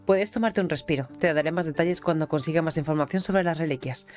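A woman with a Spain Spanish accent reading the lines of a wise old male sage mentor in a game, in a measured, formal way. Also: low-pitched, a little mellow, faint music behind, close to an everyday voice. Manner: measured, formal read-aloud delivery.

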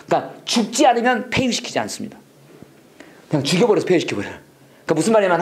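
Animated, question-firing prayer-English instructor. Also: medium pitch. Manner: lively, coaxing, asks the class questions and has them repeat; switches between Korean explanation and slow English model phrases. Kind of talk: classroom lecture with call-and-response drills. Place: classroom with students answering.

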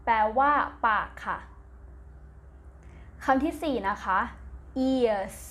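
Taking her time, a woman with a high-pitched, animated voice and a Thai accent teaches a primary English class. For every word she spells it out letter by letter, repeats it twice, and supplies the meaning. This slow recorded lesson carries her gentle patience and her habit of ending phrases with polite particles.

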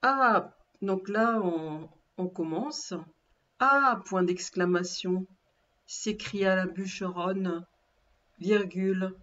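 Very slow, deliberate woman dictating. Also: lowish voice, steady tone, highs cut off. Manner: slow and deliberate, repeating and spelling words aloud. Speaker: teacher. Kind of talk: dictation lesson.

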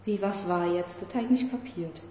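A woman's voice: fairly low pitch, normal speed, warm tone. Giggly chatty woman vlogging in a car. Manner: giggly, chatty, greets viewers by name. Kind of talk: casual vlog chat. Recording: car noise behind.

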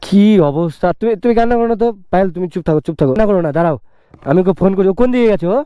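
A motovlog host from West Bengal who earnestly coaxes and pleads, often repeating himself, speaking into a helmet mic. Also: male voice, sits high, animated, very fast, mellow, smooth, dry recording, studio quality. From West Bengal, India. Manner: earnest, coaxing, repeats pleas. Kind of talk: staged roadside vlog. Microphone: helmet-worn mic on a bike.

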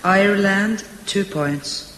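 A man reading out a jury's results on a live broadcast link in a slow, careful, formal way. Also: high-pitched, a bit bright, a little hiss or hum. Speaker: jury spokesperson. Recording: remote broadcast link, echoey with long reverb.

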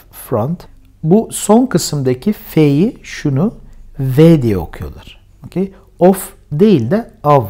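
Patient Turkish-accented male teacher, mellow voice. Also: a little high. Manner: patient, repeats words slowly and drills pronunciation. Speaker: English teacher. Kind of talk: vocabulary lesson at a whiteboard.

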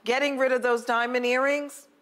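A woman's voice: high voice, little pitch movement, normal speed, a bit bright. A woman chatting casually as a talk show co-host in a studio. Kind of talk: casual panel chat.

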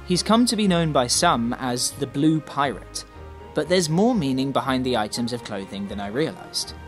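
A man's voice: medium pitch, expressive, moderate pace. A man reading scripted narration for a feature report as its reporter. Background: music.

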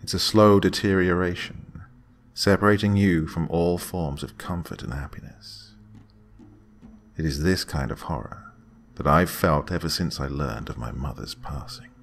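Here a man reads horror narration from a script, his deep, gravelly voice unhurried and theatrical. At the suspenseful points he falls into quiet whispers.

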